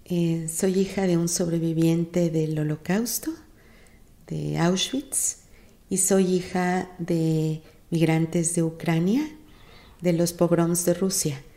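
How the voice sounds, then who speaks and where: Mexican woman psychologist explaining things calmly, warm lowish voice. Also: slow pace. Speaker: psychologist and institute director. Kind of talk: interview.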